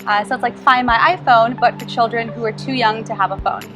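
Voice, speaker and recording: A woman's voice: fairly high pitch, steady tone, brisk, over music. A woman startup co-founder answering interview questions in a friendly, earnest way, with frequent ums. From Philippines and Canada.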